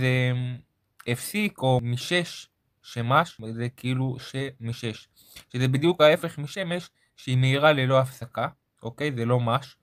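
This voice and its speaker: Guy teaching a lesson on hebrew letters, bit high voice, patient, keeps asking okay?, dry sound. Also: fairly bright tone, no echo. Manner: patient, explains with examples, often checks with "okay?".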